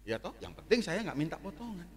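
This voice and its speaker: A man's voice: sits high, brisk, slight background noise. A middle-aged man preaching a sermon, telling stories and acting out the dialogue in them. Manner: animated storytelling, acting out dialogue with sudden loud outbursts. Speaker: pastor. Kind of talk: sermon with acted anecdotes. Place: church sanctuary. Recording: long church reverb.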